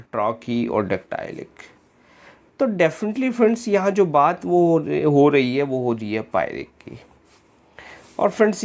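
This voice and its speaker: Slow-paced Indian man teaching literature. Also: on the high side, darkish tone. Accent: Indian English. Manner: explains in Hindi mixed with English terms, reads questions slowly, often calls "friends". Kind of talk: online exam-prep lecture.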